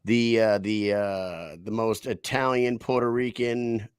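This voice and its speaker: A man's voice: fairly low pitch, steady tone, slow, clear, resonant tone, dry recording, clean studio sound. A man hosting a casual podcast, swearing freely and hyping things up in street slang. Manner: profane, hype-man banter with street slang. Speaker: show host.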